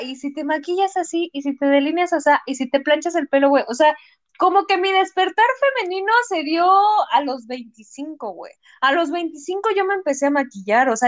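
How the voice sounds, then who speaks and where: A Mexican woman in her twenties in casual, slangy, profane chat. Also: high voice. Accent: Mexican Spanish.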